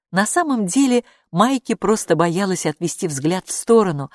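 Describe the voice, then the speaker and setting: A woman narrating a children's storybook with expressive, lively delivery. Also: mid-range voice, dry recording, clean studio sound. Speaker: audiobook narrator.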